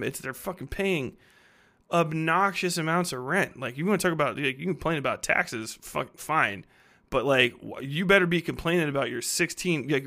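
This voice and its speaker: His voice a little high, pushed and bright, a man in his thirties rambles through a casual, unscripted podcast monologue. He hosts the show and writes fiction, and his talk is blunt, slangy and loaded with casual swearing.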